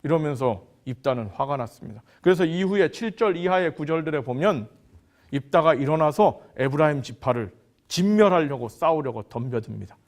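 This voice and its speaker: A male pastor delivers a sermon in a fairly high voice. His pitch swings widely as he rises to acted scripture quotes and drops low for emphasis. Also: animated, moderate pace. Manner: preaching with dramatic pitch swings, quoting scripture.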